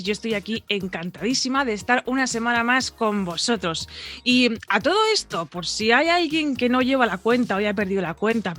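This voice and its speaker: Bubbly, bright-voiced woman podcast host. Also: mid-range voice. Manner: chatty, bubbly, rambling. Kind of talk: casual podcast interview.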